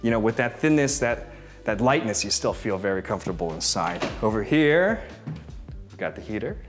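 A man's voice: lowish voice, big pitch swings, moderate pace, faint music behind. A man in his thirties giving a casual walk-through home tour as a gushing, admiring real estate agent. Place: inside rooms of a modern house, briefly on its balcony.

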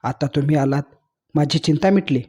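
A man voicing a dying young wife in a spoken story, soft and pleading as he reads her words. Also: a little high, moderate pace, slightly rough. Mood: tender pleading.

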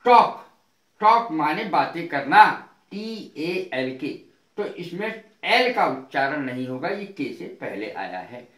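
Slow, lively-pitched male teacher. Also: echoey room. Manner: slow, deliberate, spells words out letter by letter. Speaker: English teacher. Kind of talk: spoken language lesson.

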